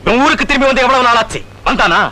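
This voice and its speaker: A man's voice: very high voice, expressive, fast, sharp tone, heavily acted, poor audio. An actor playing a middle-aged father-in-law who scorns and berates his son-in-law, in a film soundtrack with faint music. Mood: scornful. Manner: scornful, accusing. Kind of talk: film drama dialogue.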